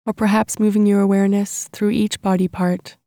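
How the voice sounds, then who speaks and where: A woman with a soft voice narrating a guided body-scan meditation in a calm, soothing, unhurried way, leaving long pauses between phrases. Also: mid-range voice, no echo, clean studio sound.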